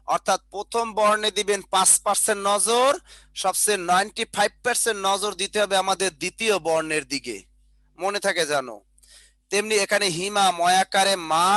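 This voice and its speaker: A man's voice: high voice, bright, forceful tone, dry recording. A man teaching a grammar lesson over a video call, explaining each step and putting questions to his students before answering them himself. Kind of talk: online Bengali grammar lesson.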